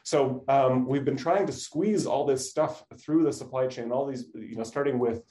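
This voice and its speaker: Mellow-voiced man explaining as guest expert. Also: mid-range voice, moderate pace. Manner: informal explaining, often checks with "you know" and "right". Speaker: academic supply chain expert, interview guest. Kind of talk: conversational expert explanation in a radio interview.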